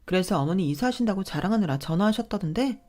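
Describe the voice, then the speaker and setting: A woman's voice: mid-range voice, animated, fast talker, darkish tone, soft background music, natural voice. A woman voicing a chatty, gossipy middle-aged sister-in-law. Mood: surprised. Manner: casual, gossipy, surprised.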